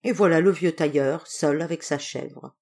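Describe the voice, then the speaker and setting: A woman reading a fairy tale aloud, expressive and lilting. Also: deep voice, normal speed, vocal fry, breathy edge. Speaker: storyteller.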